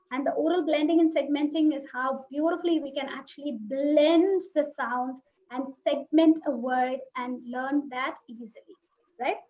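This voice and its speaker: A woman educator giving a webinar lecture on phonics, explaining and demonstrating speech sounds aloud and putting questions to her listeners. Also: sits high. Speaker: teacher trainer. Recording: dull lo-fi webinar audio.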